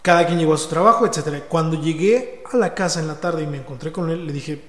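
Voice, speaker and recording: A man's voice: fairly high pitch, fast, a bit bright. Slangy Mexico City man in an echoey room. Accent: Mexico City Spanish. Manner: slangy, swears casually, often repeats and restarts words. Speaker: storyteller. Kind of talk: casual personal anecdote. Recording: echoey room with long reverb.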